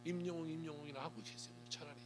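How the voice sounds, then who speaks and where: A man preaching a Sunday sermon as pastor, lively and theatrical, acting out what gossiping churchgoers say. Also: fairly high pitch, racing, background noise. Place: church sanctuary.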